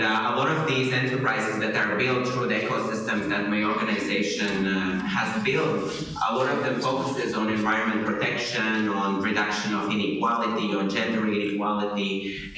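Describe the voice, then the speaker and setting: A man in his thirties with a Latvian accent, speaking on a discussion panel with frequent fillers and pauses. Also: fairly low pitch, bright, forceful tone, a little hiss or hum. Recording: echoey hall, distant mic.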